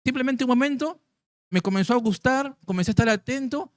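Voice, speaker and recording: A man's voice: extremely high pitch, fairly quick, no room sound, clean studio sound. A man preaching to his congregation, telling his own story and acting out the voices of the people in it. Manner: storytelling, acts out quoted voices. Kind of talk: sermon testimony.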